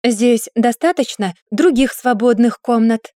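A woman's voice: a little high, a little slow, warm tone, no room sound, studio quality, pitched above the performer's own voice, close to an everyday voice. A woman reading a storybook voices a defensive young woman who answers curtly and bitingly. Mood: defiant. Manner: curt, biting and defiant.

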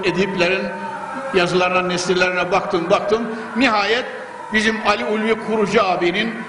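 An older man delivering a fervent mosque sermon into a pulpit microphone, speaking in rhythmic phrases and repeating lines for emphasis. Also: sits high. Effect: preaching into a pulpit microphone. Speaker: preacher. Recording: echoey hall with clear background noise.

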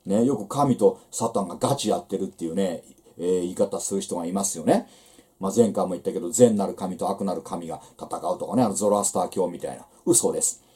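A man's voice: deep voice, fast, dark tone. A man giving a church seminar lecture on the Bible, teaching in a conversational way with rhetorical asides.

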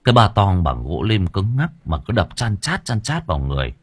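A man narrating an audiobook story in a dramatic, expressive way. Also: deep voice, a little fast, husky, no echo.

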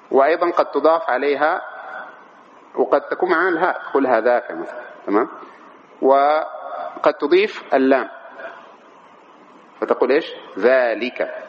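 A man teaching an Arabic grammar lesson who asks the class questions and answers them himself, often checking that they follow. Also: mid-range voice. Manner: keeps checking understanding; slow, measured reading of the text. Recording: dull lo-fi recording with faint noise.

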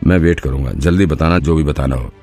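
Male narrator doing cocky detective, taunting, deep voice, faint music behind. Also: fairly quick, dark tone. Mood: challenging. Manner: taunting, laughing threats.

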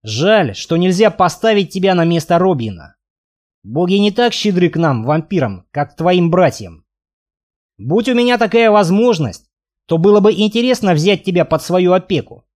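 A man's voice: high-pitched, sing-song, moderate pace, a little mellow. A man voicing a cold, mocking male vampire lord in an audiobook, with a smirking, drawling delivery. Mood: musing. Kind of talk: audiobook character voice.

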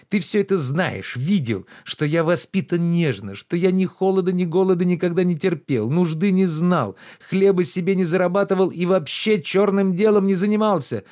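Indignant idle nobleman in an audiobook, high and shrill, loud lecturing, as a male reader puts him on. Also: close to an everyday voice. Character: pampered idle middle-aged gentleman, indignant.

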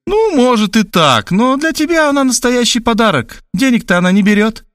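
A man's voice: very high-pitched, sing-song, normal speed, a bit bright, no echo, studio quality, voice pushed up, heavily acted. A male reader voicing a pushy, meddling middle-aged woman who plays matchmaker, in a playful and insistent tone.

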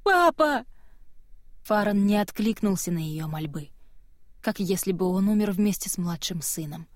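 A woman reading an audiobook in measured, expressive scripted narration. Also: on the low side, dry recording, studio quality.

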